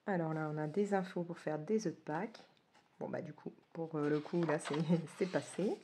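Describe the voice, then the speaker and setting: A woman's voice: sits low, moderate pace, noisy background. Chatty French woman gushing over books. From France. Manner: chatty, gushing, many hesitations. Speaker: coloring book reviewer. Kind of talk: casual book flip-through commentary.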